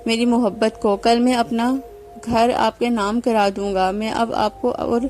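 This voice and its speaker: A woman voicing a smooth-talking, deceitful young man who coaxes his lover. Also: on the high side, level tone, a little mellow, faint music behind, natural voice. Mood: coaxing. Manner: coaxing, sweet-talking.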